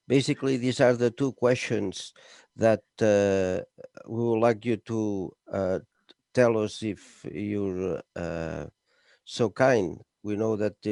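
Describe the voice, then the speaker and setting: A middle-aged man hosting an interview, speaking haltingly with many uhs. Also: on the low side, dark tone, no echo, studio quality. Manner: halting, filler-heavy delivery. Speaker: interview host. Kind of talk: interview introduction and questions.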